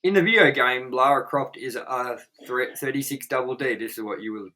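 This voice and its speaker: Medium-pitched and sharp in tone, he speaks a little fast. He's a young man co-hosting a movie review show, casually reading trivia while rambling, cursing bluntly, and peppering everything with "like."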